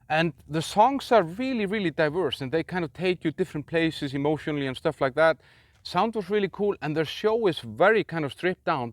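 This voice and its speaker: A man's voice: a little high, no room sound, studio quality. Icelandic man reviewing a metal festival. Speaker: metal channel host.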